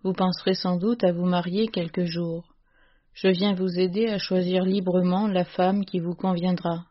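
A secretive, wealthy mother, read by a woman in a spoken storybook, her voice low and held in a narrow, even line. The sound is muffled and lo-fi. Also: normal speed, natural voice. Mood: solemn. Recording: muffled lo-fi recording.

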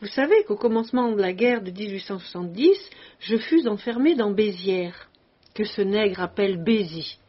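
A woman voicing a composed, stern but kindly male army commandant who tells his story in a measured way, on a dull lo-fi recording. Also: medium pitch, expressive, slightly rough.

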